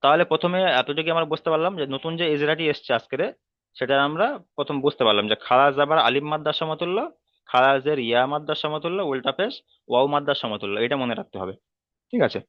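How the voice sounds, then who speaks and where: A man teaching an online class, patiently repeating rules and drilling letter sounds slowly. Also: fairly high pitch, no echo, lo-fi sound. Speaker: Quran reading teacher.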